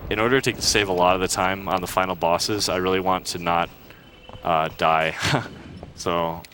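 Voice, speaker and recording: A man with a very low voice talks through his speedrun as he plays, explaining jumps and power-ups in an easy, unhurried way. His tone is bright and forward. A faint background hum sits under him. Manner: relaxed explaining while playing, with small restarts. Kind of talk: live gameplay commentary. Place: live charity marathon event.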